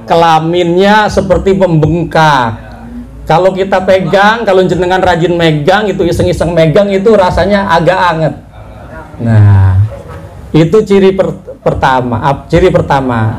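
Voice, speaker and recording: A man whose first language isn't Javanese gives farmers a patient lecture on livestock breeding, spelling out points step by step. His voice is on the high side and measured in pace, and he often turns directly to his listeners, addressing them as "Pak."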